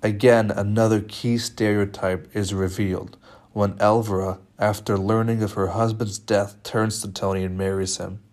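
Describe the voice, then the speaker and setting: A young man presenting a media studies film analysis in a measured, slightly halting way. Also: on the low side, flat delivery, darkish tone.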